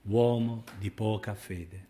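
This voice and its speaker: A man preaching a sermon, slow and emphatic, sinking to near-whispers and then rising loud on repeated phrases. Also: on the low side, steady tone.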